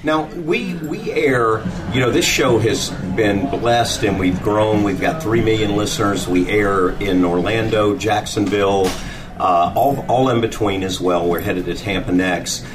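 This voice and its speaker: A man's voice: lowish voice, unhurried. A man hosting a radio interview at a racetrack in a casual, enthusiastic style. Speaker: radio show host. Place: at a speedway beside the race. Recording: slightly distant, clear racetrack noise. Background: racetrack ambience.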